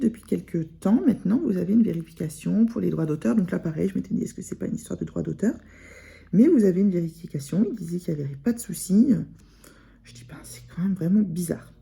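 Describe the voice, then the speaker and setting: Her lowish voice is creaky, dark in tone and slightly rough as this sewing vlogger chats casually to the camera. She has a Ch'ti, or Picard, accent from northern France and rambles, restarting often and using many fillers.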